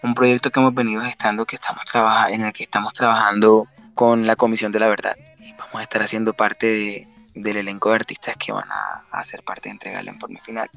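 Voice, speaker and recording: A man's voice: fairly low pitch, fast talker, vocal fry, hardly any pauses, a bit bright, soft background music. A man from Colombia answering radio interview questions about his songs, telling stories reflectively with frequent restarts. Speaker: musician guest.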